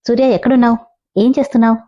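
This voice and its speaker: A woman voicing a sharp, demanding young lawyer who speaks firmly and questions hard. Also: on the high side, flat delivery, racing, muffled recording, lightly acted. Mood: stern. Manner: firm, questioning.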